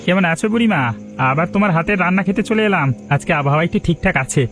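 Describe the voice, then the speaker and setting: A hearty, boastful bandit, played by a man in a cartoon, rattling off his words very fast in a high voice. He sounds confident and friendly. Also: music in the background, lightly acted.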